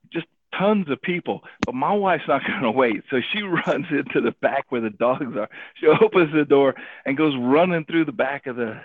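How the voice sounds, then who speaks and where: Animated man telling a story over radio. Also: medium pitch. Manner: animated storyteller, acts out quoted voices, fills with "right?". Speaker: storyteller sharing a faith lesson. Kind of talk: casual radio talk. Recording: tinny phone-like radio audio.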